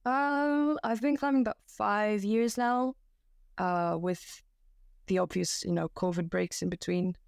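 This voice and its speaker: Recording on a home setup from the floor of a new room, a young Belgian podcast guest who volunteers at climbing competitions speaks casually, self-deprecating and full of fillers and restarts. Her medium-pitched voice is clear and resonant, a little slow, with vocal fry. The audio is studio quality with no room sound.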